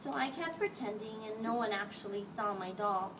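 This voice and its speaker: A mid-range female voice reads a picture book aloud to kids at a moderate pace, the teacher acting out each line of dialogue with expression. The sound is distant and the surroundings are clearly noisy.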